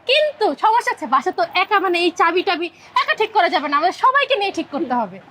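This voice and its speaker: A woman's voice: extremely high pitch, very animated, pushed and bright, heavily acted. A pushy, teasing young woman. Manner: insistent, teasing, quick to mock. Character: pushy young woman demanding a clean rented flat. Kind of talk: TV comedy drama acting.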